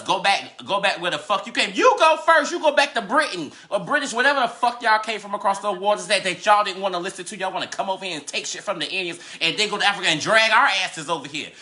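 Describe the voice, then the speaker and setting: A man's voice: high-pitched, pushed and bright. A man in his thirties hosting a live podcast, ranting heatedly with lots of profanity and laughter. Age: 30s. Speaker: podcast host.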